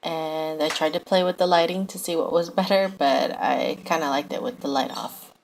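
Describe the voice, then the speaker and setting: A woman's voice: sits low, steady tone, moderate pace, vocal fry, poor audio. A young woman giving an informal, conversational recipe voice-over as a home cook. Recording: faint background noise.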